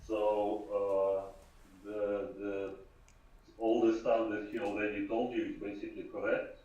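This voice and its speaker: A man with a thick Russian accent explains technical matters informally, in halting, deliberate phrases. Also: lowish voice, level tone, warm tone. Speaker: remote guest expert. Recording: echoey, distant, dull remote call audio.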